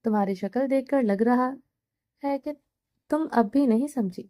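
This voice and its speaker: Lady reading as a cocky mafia boss guy, teasing, leaning hard on his words, higher pitch, mellow tone. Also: no echo, studio quality, natural voice. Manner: mocking, emphatic. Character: arrogant young male mafia boss, teasing.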